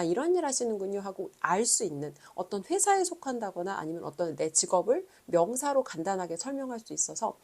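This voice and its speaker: A woman in her thirties, a reading coach, telling her own story in an earnest, thoughtful way with frequent pauses. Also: mid-range voice, darkish tone. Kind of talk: reflective personal talk.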